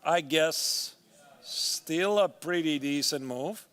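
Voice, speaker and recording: A man's voice: a little high, slow, fairly bright tone. A man giving live chess commentary, thinking aloud through moves in a conversational way.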